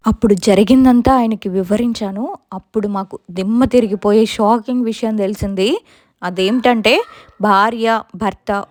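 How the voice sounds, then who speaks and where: A woman with a Telugu accent narrating a first-person ghost story from a script, her quoted lines pushed louder. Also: mid-range voice, no echo, clean studio sound.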